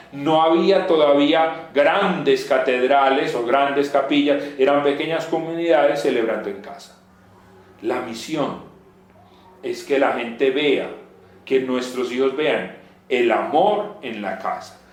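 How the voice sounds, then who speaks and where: Animated preacher man in an echoey hall. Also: medium pitch, unhurried. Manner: animated, swings between loud questions and soft asides. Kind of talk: sermon. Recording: very echoey room.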